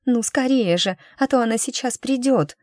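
A woman's voice: mid-range voice, animated, normal speed, darkish tone, no room sound, clean studio sound, pitched above the performer's own voice, natural voice. A woman reading an audiobook voices a bubbly, naive young noblewoman who talks in breathless, girlish exclamations. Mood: eager.

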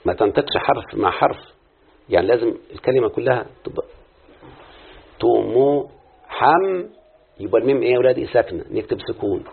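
A man's voice: mid-range voice, racing, breathy edge. A man with an Egyptian Arabic accent teaching a classroom lesson on prosody, speaking straight to his pupils and drawing out syllables as he explains. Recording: tinny phone-like lo-fi recording.

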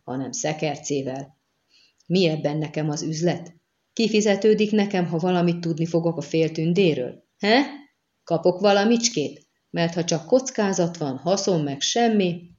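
A woman's voice: fairly low pitch, warm tone, muffled recording, lightly acted. A woman voicing a greedy, scheming male dwarf who haggles in a wheedling way, read in a storybook.

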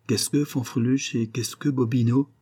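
Cunning young dandy, read by a man, composed, commanding, mellow, husky. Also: mid-range voice, fairly even intonation, normal speed, pitched above the performer's own voice, natural voice.

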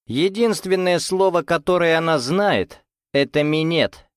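A man voicing a nervous, cornered gentleman swindler who talks tensely and defensively. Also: a little high, a little slow, clean tone, no room sound, clean studio sound, voice pushed up, lightly acted.

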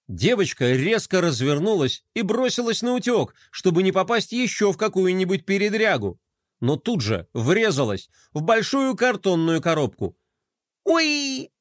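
A man reading a children's story aloud in an expressive storytelling manner. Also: on the high side, dry recording, studio quality. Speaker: narrator. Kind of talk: scripted narration of a children's story.

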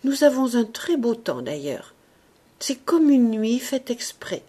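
Brief: woman reader doing a frantic old man in an audiobook, trembling and pleading, slow and breathy. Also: on the high side, sing-song, mellow, voice pushed up, full character voice. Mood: soothing. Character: anxious, tender old man, a fatherly showman.

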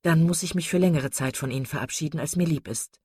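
A woman's voice: sits low, fast talker, warm tone, slightly rough, no room sound, clean studio sound. A woman voicing a serious, reserved male colonel in a read-aloud novel, formal and grave.

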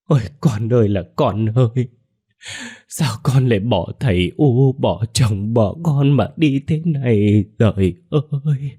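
A man voicing an elderly village woman in a storybook ghost tale, lamenting in a drawn-out cry. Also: medium pitch, mellow, husky, pitched above the performer's own voice.

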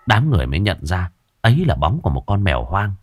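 A man's voice: low-pitched, big pitch swings, fast, slightly rough, no room sound, studio quality. A man, narrating a ghost story in a crude, colloquial way.

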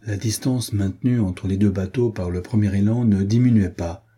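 Male audiobook narrator, very dark and husky tone, even measured reading. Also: on the low side. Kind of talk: scripted narration.

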